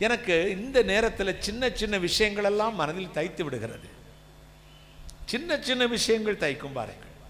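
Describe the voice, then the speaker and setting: Male pastor, high bright voice, storytelling sermon that rises to emphatic preaching. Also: very animated, normal speed, a little hiss or hum. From India. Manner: personal storytelling that swells to loud emphatic preaching.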